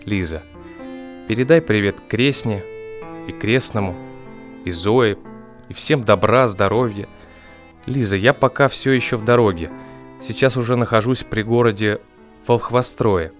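A man acts an earnest Soviet soldier reading out his letter to his family, tender yet resolute. His voice is fairly low, over guitar music in a wartime drama. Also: close to an everyday voice. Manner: earnest, simple, homely.

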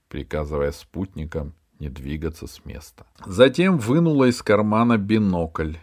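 Man, audiobook narration, low-set voice, even storytelling. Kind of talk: scripted narration.

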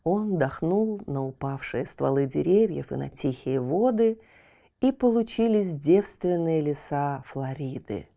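A woman narrating a children's bedtime story in a gentle, unhurried manner, sometimes dropping into a whisper at phrase ends. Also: low voice, expressive, creaky.

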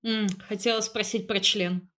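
A woman chatting as a podcast co-host in a medium-pitched voice. Her r comes out burred, close to a w. She is frank and swears freely in a casual, comedic style. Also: fairly even intonation, normal speed, sharp tone. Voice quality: says w-like sound for r (burred r).

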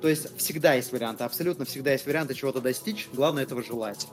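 A man's voice: mid-range voice, fast talker, soft background music. Slangy young man, casual swearing. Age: 20s. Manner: slangy, swears freely, relaxed. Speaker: guest entrepreneur. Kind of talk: casual interview talk.

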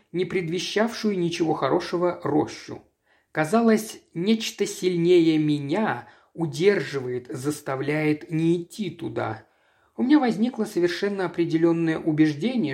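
A reader giving steady, even scripted narration of an audiobook. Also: medium pitch.

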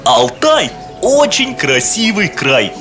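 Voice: mid-range voice, very animated, slow pace, a bit bright, faint music behind, a faint crowd. An actor playing a kindly, caring chef who loves food, speaking affectionately in a children's audio story. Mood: fond, dreamy.

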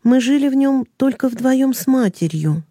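A woman narrating a classic story in the first person in an even, measured reading voice. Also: high-pitched, dry recording, clean studio sound.

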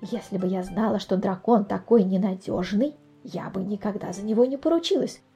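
A woman doing a calm, lecturing centipede. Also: medium pitch, moderate pace, soft background music, lightly acted. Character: calm know-it-all female centipede.

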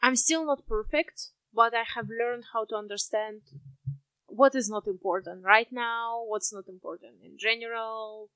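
A young woman with a Russian accent speaks in a fairly high voice, recorded close and dry. She co-hosts a casual, reflective chat and hesitates as she searches for the right words in a language that is not her native Russian. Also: moderate pace, sharp tone, clear, resonant tone, no room sound, poor audio. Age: 20s. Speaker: podcast co-host.

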